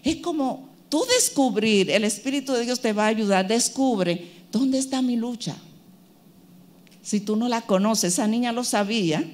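A woman's voice: fairly high pitch, moderate pace. Woman preacher, emphatic and repetitive, acts out the voices she quotes. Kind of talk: sermon.

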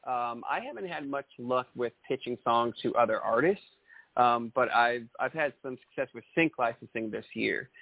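A man's voice: mid-range voice, normal speed, no room sound. Friendly male guest on a tinny line. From Maine, USA. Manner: friendly, laughing easily, relaxed. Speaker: guest, singer-songwriter and producer. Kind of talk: casual interview answers. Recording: dry, tinny phone-like line.

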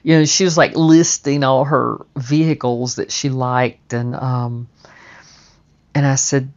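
A woman's voice: a bass voice, fairly even intonation, slow, darkish tone. A woman telling a personal story in a chatty, rambling way, full of fillers and restarts. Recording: dull, muffled audio.

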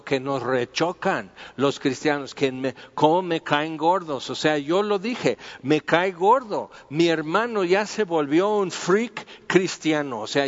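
Slow-talking man teaching the Bible. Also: a little high. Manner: informal, repeating himself and using many fillers. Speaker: preacher. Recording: dull, lo-fi sound with long hall reverb.

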